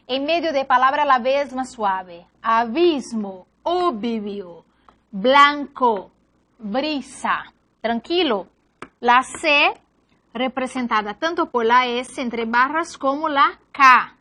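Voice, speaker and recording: Slow, patient high-voiced woman teacher. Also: pushed and bright. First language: Portuguese. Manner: patient and deliberate, says example words one by one. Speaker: language teacher. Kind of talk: slow phonetics lesson, reading word lists.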